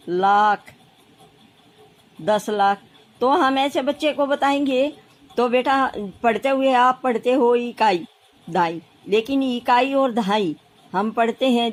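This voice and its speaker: A woman primary school teacher explaining place value, patiently counting aloud and repeating steps for children. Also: a little high. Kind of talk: classroom math lesson.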